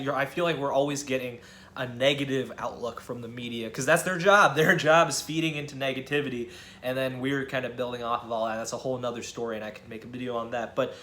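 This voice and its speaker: A young man talks straight to his viewers in a loose, rambling way, repeating himself and laughing as he goes. His voice sits at an ordinary middle pitch. A faint hiss runs under the recording. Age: young adult. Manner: rambling, animated, laughs often. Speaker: student vlogger. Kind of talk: casual talk to camera.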